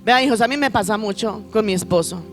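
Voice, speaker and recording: A woman's voice: mid-range voice, fairly quick, faint music behind. A woman pastor, preaching a fervent sermon, urging the congregation to respond and shifting to a chatty tone for personal stories.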